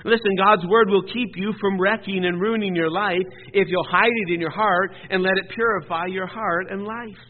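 High-pitched pastor man preaching, earnest and repetitive, church echo, tinny phone-like sound. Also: fairly even intonation, normal speed, few pauses. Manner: earnest, repetitive exhortation with rising emphatic peaks. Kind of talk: sermon. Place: church sanctuary.

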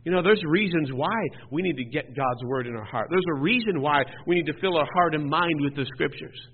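A man with a high voice preaching in a church, pressing his points with earnest repetition and rising emphasis. The sound is thin and phone-like. A long reverb trails behind every word. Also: fairly quick, breathy edge. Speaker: pastor. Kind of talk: sermon. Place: church sanctuary.

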